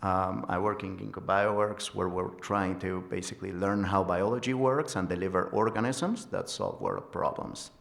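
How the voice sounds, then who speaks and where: Gravelly-voiced man from Argentina, halting. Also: deep voice, lively intonation, a bit bright. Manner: hesitant, many fillers and repeated words. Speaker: panelist. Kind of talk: panel self-introduction. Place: conference hall stage.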